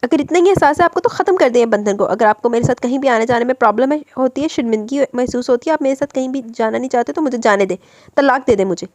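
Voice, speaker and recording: A woman's voice: on the high side, expressive, quick pace, darkish tone, no echo. A woman reading aloud, voicing a hurt, outspoken young wife, emotional and reproachful.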